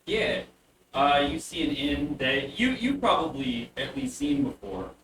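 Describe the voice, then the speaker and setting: Halting male game master, roomy sound. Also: medium pitch, very animated, a bit bright. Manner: halting, casual descriptions. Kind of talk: improvised narration of a tabletop game. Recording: roomy, distant mic with faint noise.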